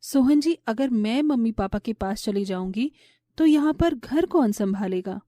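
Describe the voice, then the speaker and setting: A woman voicing a meek, gentle young daughter-in-law in a cartoon story, speaking softly and submissively. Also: on the high side, animated, a little slow, no echo, studio quality. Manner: soft, submissive.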